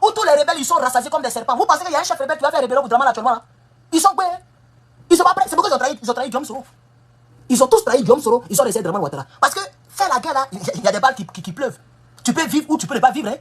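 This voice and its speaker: Fast, husky woman ranting. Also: high voice, expressive. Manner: emphatic and scolding, with rhetorical questions. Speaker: political commentator. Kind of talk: impassioned political monologue. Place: United States.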